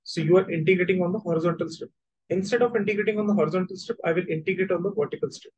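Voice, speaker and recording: A man's voice: high voice, rapid-fire, husky, muffled recording. A man with a North Indian accent teaching an online maths lesson, repeating his points as he explains. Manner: repetitive explaining, switching between languages, checking understanding.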